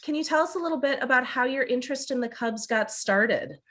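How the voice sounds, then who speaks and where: A woman hosts a library chat over a video call. Her voice sits a bit high, and her questions are brief and friendly. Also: fairly quick, fairly bright tone. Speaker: library host. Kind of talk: interviewer.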